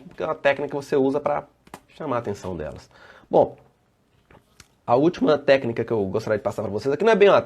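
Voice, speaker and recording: A man's voice: medium pitch, vocal fry, a little mellow. A Brazilian man, a safety engineer and trainer, giving a casual live online presentation and answering viewer comments as he goes. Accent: Brazilian Portuguese.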